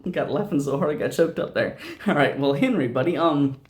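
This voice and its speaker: A man's voice: on the high side, animated, fairly quick. A man hosting a casual gameplay video who stammers, repeats words, hums to himself and laughs often. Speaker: gaming channel host. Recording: roomy echo.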